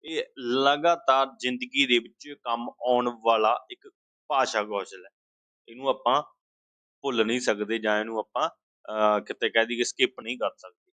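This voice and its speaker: A man teaches an exam-prep language lesson at a mid pitch. He walks through everyday examples and keeps asking and answering his own questions. The sound is dry and close, with no room echo. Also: fairly even intonation, moderate pace, bright, forceful tone.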